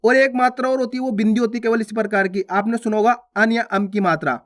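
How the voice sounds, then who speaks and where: Online reading teacher, mid-pitched voice, repeats each word twice with stress, checks in with viewers often. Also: fairly even intonation, fast. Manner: drills words aloud, repeating each twice with a question; addresses viewers as friends, checks understanding. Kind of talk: online phonics lesson.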